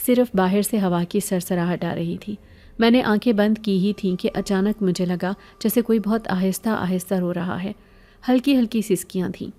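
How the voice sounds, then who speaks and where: A woman narrating a first-person horror story in a measured, even storytelling manner. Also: medium pitch.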